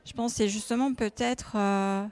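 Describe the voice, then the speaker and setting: A woman's voice: medium pitch, fairly even intonation, normal speed, a little mellow, smooth, no room sound. A woman taking part in a live roundtable, offering her ideas in a tentative, self-doubting way. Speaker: panel participant.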